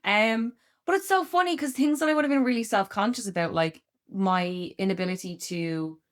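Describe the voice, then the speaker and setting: A woman in her thirties co-hosting a podcast in casual chat, loud and giddy, candid and quick to laugh. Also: mid-range voice. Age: 30s. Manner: candid, laughs often, acts out quoted voices. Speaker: podcast co-host.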